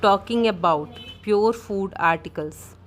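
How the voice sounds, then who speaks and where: A woman reading out a speech as dictation practice, in short, measured phrases with clear gaps between them. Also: mid-range voice, a little hiss or hum.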